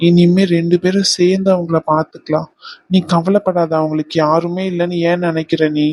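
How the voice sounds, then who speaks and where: A woman voicing a gentle young newlywed husband in a cartoon, soft and reassuring. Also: fairly low pitch, little pitch movement, moderate pace, close to an everyday voice. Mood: comforting.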